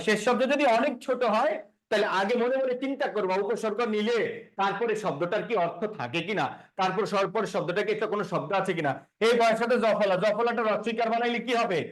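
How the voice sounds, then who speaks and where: A man's voice: high voice, a bit bright, rough recording. A man teaching a classroom grammar lesson, quizzing students and repeating key words. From Bangladesh.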